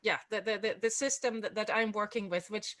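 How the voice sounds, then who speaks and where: A woman's voice: medium pitch, fairly even intonation, fairly quick, a bit bright. A woman hosting an online music-teaching webinar, chatting casually with many fillers and restarts over a video call. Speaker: webinar host and music tutor.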